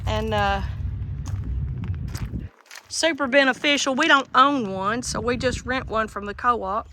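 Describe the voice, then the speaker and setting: Middle-aged farm lady vlogging on her phone outside, highish voice, folksy casual chat, some background noise. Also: measured pace, sharp tone. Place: outdoors in a farmyard. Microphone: handheld phone. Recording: outdoor handheld recording with background noise.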